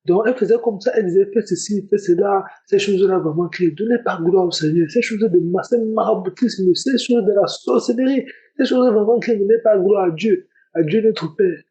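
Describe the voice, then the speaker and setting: A man's voice: high voice, fairly quick, mellow, rough recording. A young man giving a spoken religious testimony, earnest and repeating his words often. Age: young adult. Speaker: testimony giver.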